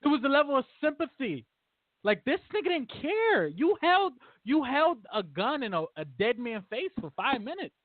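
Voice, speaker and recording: On dry, phone-like audio with no echo, a male podcast host runs a casual discussion. His voice is extremely high-pitched at a moderate pace, and he's animated and emphatic, acting out quotes.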